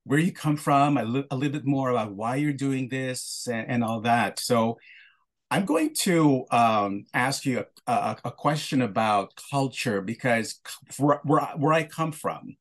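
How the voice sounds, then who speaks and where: Halting Filipino-born male interviewer. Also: medium pitch, animated. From Philippines. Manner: halting, with frequent restarts and warm laughter. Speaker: podcast host. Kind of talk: conversational interview.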